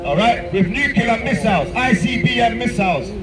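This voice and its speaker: A man's voice: very high voice, lively intonation, moderate pace, loud music behind the voice. A man with a London accent preaching emphatically on a busy city street, ending lines with "man" and "all right?". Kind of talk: open-air street preaching. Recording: echoey street sound from far off, crowd noise.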